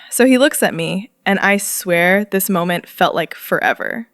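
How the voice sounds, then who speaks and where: A young woman tells a storytime vlog in a chatty, dramatic way, often breaking into giggles and slang aimed at her viewers. Her voice has an ordinary middle pitch. The sound is dry and close, with no room echo. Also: unhurried, fairly bright tone. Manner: slangy, addresses viewers directly. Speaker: storytime narrator.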